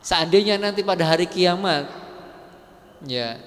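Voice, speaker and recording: A man's voice: sits high, expressive, a little slow. Indonesian-speaking preacher man in a reverberant hall. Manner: rising emphatic peaks, dropping soft for quoted speech. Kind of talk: religious sermon storytelling.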